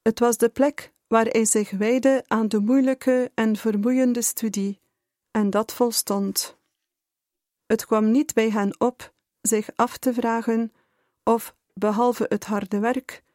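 A woman reading a memoir aloud in a measured, deliberate way. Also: fairly high pitch, steady tone, darkish tone, no room sound, clean studio sound. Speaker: reader.

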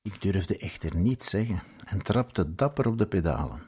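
A man reading a story aloud in a measured, scripted narration. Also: sits low, animated, darkish tone, slightly rough.

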